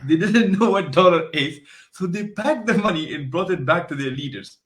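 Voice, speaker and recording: A man's voice: high voice, lively intonation, moderate pace, fairly bright tone. A man, a guest in a casual interview, explaining history and telling stories with frequent restarts. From Afghanistan.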